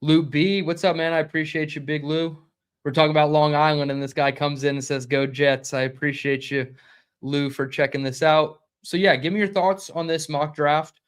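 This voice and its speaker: A young man hosting a live-streamed sports reaction show, talking fast and conversationally and reading out chat comments. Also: a little high, little pitch movement, clean tone. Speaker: podcast host.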